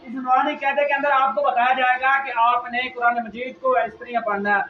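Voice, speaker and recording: A man teaching children to read the Quran, drilling them with repeated questions and loud emphasis, with a Pakistani Urdu accent. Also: very high voice, little pitch movement, moderate pace. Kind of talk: classroom lesson to children. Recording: echoey, distant, muffled, noisy room.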